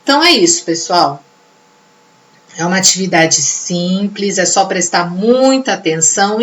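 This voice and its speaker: A woman's voice: medium pitch, fairly bright tone. A woman teacher giving a recorded video lesson, explaining patiently step by step and often checking in with her students. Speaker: Portuguese teacher.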